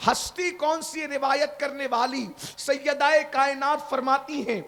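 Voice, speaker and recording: A man preaching an Islamic sermon in storytelling style, with an Urdu accent from South Asia. He moves from hushed retelling to fervent shouting and stretches out long chains of honorific titles. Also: extremely high pitch, fairly even intonation.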